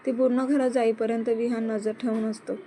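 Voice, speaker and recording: A woman narrating a romantic story in a measured reading voice. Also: fairly high pitch, flat delivery, background noise.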